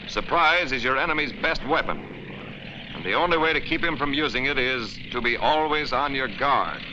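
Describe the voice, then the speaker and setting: Over a noisy background, an American man with a medium-pitched voice narrates a 1940s military instructional film. He gives emphatic, clipped directives, and the dull soundtrack is band-limited in the manner of 1940s film audio.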